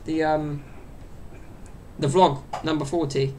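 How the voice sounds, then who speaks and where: Slow and fairly even in intonation, the gravelly, high-pitched voice of a twenty-something man carries a darkish tone. He's hosting a solo podcast from his small bedroom, chatty and meandering with lots of fillers, into a desk mic set to one side. A little hiss or hum is audible.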